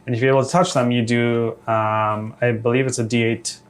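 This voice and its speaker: A man's voice: medium pitch, fairly quick. Man running a casual tabletop game. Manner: relaxed, hesitant, laughs easily. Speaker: dungeon master.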